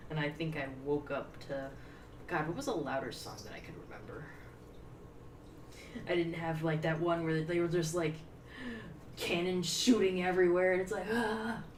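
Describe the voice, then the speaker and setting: A young woman streamer chatting casually and telling animated stories, acting out what people said. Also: low-pitched, moderate pace, pauses often. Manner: animated storyteller, lively voices for quotes. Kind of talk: casual chat. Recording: roomy, from a distance, faint noise.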